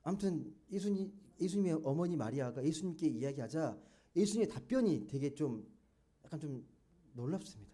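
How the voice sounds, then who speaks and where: A man's voice: a little high, lively intonation, brisk, warm tone, husky. A male pastor giving a sermon, speaking conversationally and asking the congregation many questions. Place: church sanctuary.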